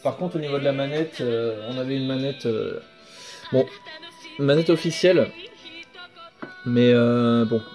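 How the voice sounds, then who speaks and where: Young male vlogger, mellow laid-back delivery, hesitant with lots of fillers, faint music underneath. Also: medium pitch. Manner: relaxed, hesitant, many fillers and self-corrections. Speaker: video game collector vlogger. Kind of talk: casual show-and-tell vlog.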